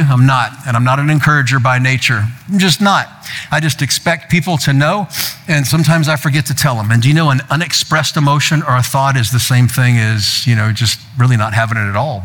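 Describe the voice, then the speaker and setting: An older man delivers a sermon as a pastor, moving into storytelling and briefly acting out family members in higher, playful voices. His voice is slightly husky at a middling pitch. The long reverb of a large hall trails every phrase. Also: fairly bright tone.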